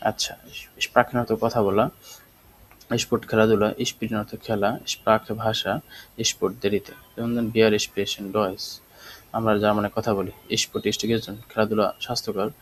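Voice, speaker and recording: Low-voiced man teaching a language class. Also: little pitch movement, fast talker, rough recording. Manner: explains step by step, asks and answers his own questions. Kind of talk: spoken language lesson.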